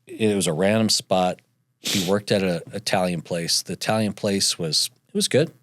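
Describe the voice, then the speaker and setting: A man's voice: low voice, normal speed, a bit bright. A man in his forties, a chef, recounting his career in a casual interview, rambling and full of fillers. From North Dakota. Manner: rambling, with frequent fillers and restarts. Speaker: chef and entrepreneur, podcast guest.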